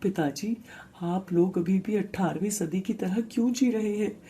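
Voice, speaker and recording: A woman voicing an earnest young man back from his studies in the city, pressing his father about village life in an animated story. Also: medium pitch, measured pace, a little hiss or hum, close to an everyday voice. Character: educated young village son, earnest reformer.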